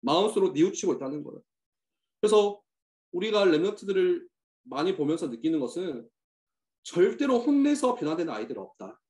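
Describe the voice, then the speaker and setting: A man's voice: high voice, a little mellow. A man preaching earnestly to church teachers, telling a personal story with many hesitant fillers. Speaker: youth ministry pastor addressing teachers. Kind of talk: sermon message to church teachers. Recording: echoey room.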